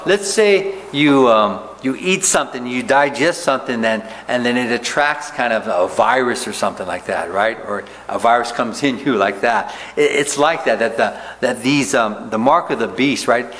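A male pastor works through scripture in an easy, conversational way, tossing in "right?" and "okay?" to keep listeners with him. His voice is of middle pitch. It rings with the long tail of a church hall. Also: fairly bright tone. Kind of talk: verse-by-verse Bible teaching.

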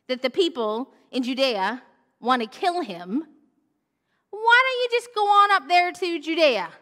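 A woman preaching a sermon, telling the story with animated expression and dropping to a hush for solemn points. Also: high-pitched. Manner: animated storytelling, acts out mocking voices, drops to a hush for solemn moments. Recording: long reverb of a church hall.

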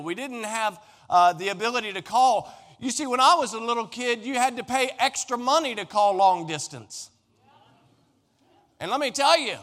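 With a very high voice that sounds pushed and bright, a middle-aged American man delivers a sermon as pastor, conversational and emphatic, asking his listeners rhetorical questions. The hall is echoey with a long reverb.

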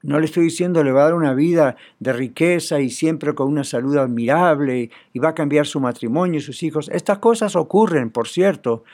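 Earnest preaching man, slightly high voice. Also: a little fast, few pauses, darkish tone. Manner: earnest, pleading evangelistic preaching. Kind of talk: sermon.

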